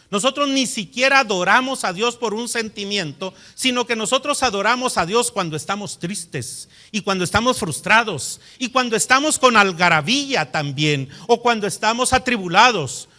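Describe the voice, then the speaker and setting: A man delivers a sermon as a pastor, his voice pitched high and bright. He tells stories in an animated way and stresses his points with emphasis. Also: moderate pace, few pauses.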